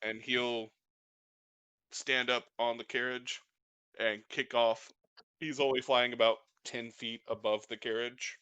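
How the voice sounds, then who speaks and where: A man narrating a tabletop game as game master, relaxed and hesitant with many fillers. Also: medium pitch, slow, clear, resonant tone, no echo, lo-fi sound.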